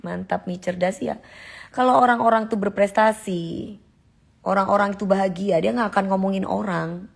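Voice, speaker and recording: A woman's voice: medium pitch, fairly even intonation, moderate pace, gravelly. A woman hosting a live stream, chatting casually and emphatically as she reads out viewer comments.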